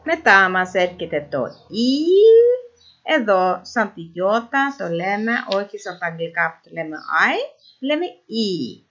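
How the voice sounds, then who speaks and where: A woman giving an informal pronunciation lesson who sounds out vowels slowly and repeats them. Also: mid-range voice, lively intonation, sharp tone. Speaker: language teacher. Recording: dull lo-fi recording.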